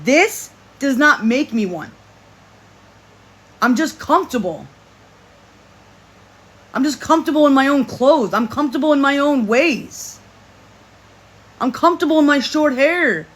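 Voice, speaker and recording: Speaking to supporters in a casual to-camera monologue, a vlogger in their thirties uses a forceful, bright-edged voice that they describe as deep. They are expressive and unhurried, with long pauses, and press their point emphatically by repeating themselves, circling back and restarting phrases.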